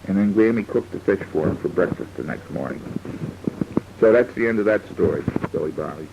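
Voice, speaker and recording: An older man, a grandfather, improvising a rambling bedtime story for a child and pausing to explain words. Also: low voice, animated, gravelly, darkish tone. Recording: dull lo-fi home tape with faint hiss.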